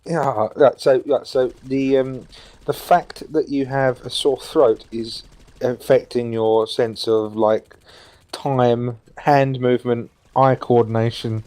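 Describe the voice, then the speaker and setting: A man's voice: mid-range voice, steady tone, slow pace, darkish tone, no echo. British man bantering, close and dry. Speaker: gaming show co-host. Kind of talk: casual banter over gameplay.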